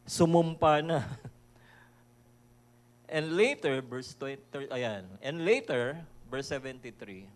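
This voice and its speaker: A pastor from the Philippines giving a conversational sermon, mixing Tagalog and English, reading verses slowly and chuckling as he asks his listeners questions. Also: medium pitch. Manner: reads scripture verses slowly and deliberately; chuckles often, asks the audience rhetorical questions.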